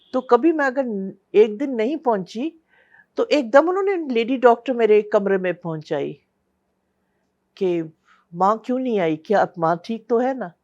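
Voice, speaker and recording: An older woman, interviewed, telling personal memories in an unhurried storytelling way and quoting the people she speaks of. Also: a little high, darkish tone. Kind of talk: personal recollection. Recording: dull lo-fi sound.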